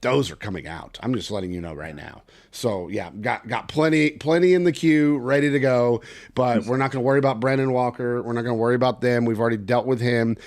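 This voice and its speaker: A man hosting a casual sports podcast, animated and ranting with quick asides. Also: mid-range voice. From Texas. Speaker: podcast host.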